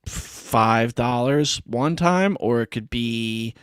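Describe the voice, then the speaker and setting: A man's voice: mid-range voice, slow, clean tone, no room sound, clean studio sound. A man hosting a casual sports podcast in an easygoing, slangy way, often calling his co-host "bro". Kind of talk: casual chat.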